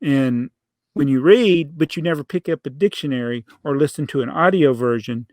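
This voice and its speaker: A man's voice: medium pitch, moderate pace, darkish tone, no echo. A middle-aged man hosting a podcast, telling rambling stories in a casual chat and laughing often. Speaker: podcast host.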